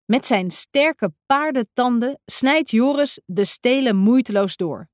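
Slow, lively woman storyteller. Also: on the high side, no room sound, clean studio sound. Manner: expressive, slow and clear. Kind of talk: reading a children's story aloud.

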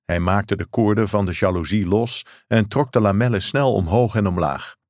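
A man reading a novel aloud as narrator, measured and even. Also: on the low side, dry recording, studio quality. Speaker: audiobook narrator. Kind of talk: scripted narration.

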